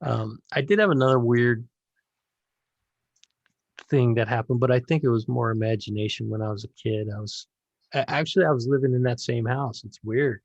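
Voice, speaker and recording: Male podcast host, gravelly voice, meandering casual storyteller, lo-fi close mic. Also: mid-range voice, moderate pace, a little mellow, dry recording. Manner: rambling, storytelling, frequent restarts. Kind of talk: casual conversation.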